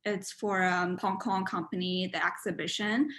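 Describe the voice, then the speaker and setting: Her voice sits on the low side, steady and fairly bright at a moderate pace. She's a student in her twenties from China, Mandarin her first language, speaking accented English in a video-call interview indoors at home, hesitating often with many fillers and restarts.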